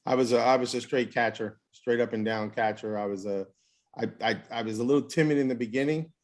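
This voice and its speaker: A man's voice: medium pitch, fairly quick. A man with an ordinary mid-range voice talks casually. He tells stories with energy and acts out what people said to him. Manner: lively storyteller who acts out quotes. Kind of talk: casual conversation about baseball.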